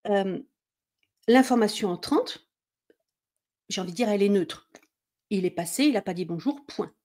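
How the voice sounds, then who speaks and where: A woman's voice: medium pitch, animated, moderate pace, mellow. A middle-aged woman, a mindset coach, explains in a conversational teaching style, often checking in with "d'accord?" and acting out inner worries.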